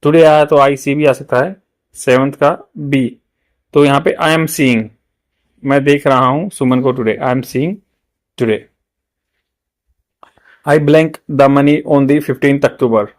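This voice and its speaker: Slow-drilling Indian English teacher, man. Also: medium pitch, steady tone. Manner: slow, repeats words to drill pronunciation. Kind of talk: exam-prep grammar lesson.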